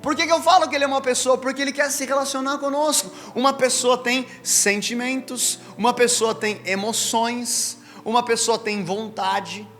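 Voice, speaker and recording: A Brazilian man with a Brazilian Portuguese accent, preaching a sermon to a live audience, telling stories in a lively, chatty way and speaking straight to the crowd. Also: extremely high pitch, normal speed, few pauses. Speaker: pastor. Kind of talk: sermon with personal storytelling. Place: church hall with live audience. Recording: reverberant hall with faint music.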